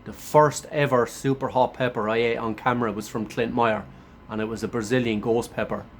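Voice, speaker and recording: A man chatting casually to camera as a food reviewer, laid-back and blokey, his voice thick and hoarse from a sore throat and sounding run down. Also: medium pitch, fairly even intonation, fairly quick, a little hiss or hum. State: run down after a chest infection.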